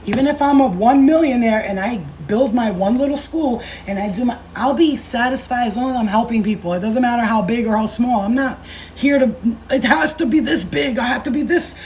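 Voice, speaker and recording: Woman, 30s, spiritual-coach livestream host; slightly high, animated, slangy and profane, with faint background noise. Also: a little fast, low-quality recording. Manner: animated, slangy and swearing, addresses viewers as babe and baby. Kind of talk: casual livestream talk.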